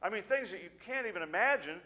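A middle-aged pastor speaks into a pulpit stand mic in a small church, delivering an earnest, conversational sermon and reading scripture. His voice is high-pitched, expressive, pushed and bright, and he halts and restarts as he goes.

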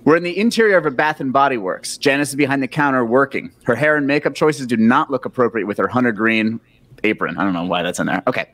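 A man's voice: mid-range voice, quick pace, fairly bright tone. A man hosting a comedic script reading, narrating stage directions dryly. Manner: dry narration, breaking into laughs.

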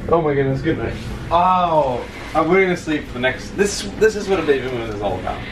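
A man's voice: a little high, lively intonation, fairly quick, reverberant, far from the mic, background noise. Teasing young man, off-mic. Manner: teasing, joking. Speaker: co-host, vlogger's partner. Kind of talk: casual travel vlog. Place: outdoors in a city, on a cruise ship.

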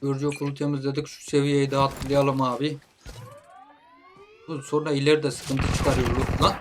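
A man commentating his own mobile shooter gameplay, playfully taunting opponents and calling them nephew, with bursts of loud shouting. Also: mid-range voice, little pitch movement, normal speed, background noise. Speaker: gameplay streamer. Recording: game gunfire loud behind voice. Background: gunshots and clicks from the game.

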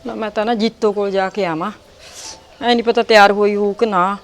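Woman doing a pushy old village mom, complains fast. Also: mid-range voice, steady tone, faint music behind, lightly acted. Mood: fretting. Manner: insistent, complaining. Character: stubborn old village mother set on visiting. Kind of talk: village short film acting.

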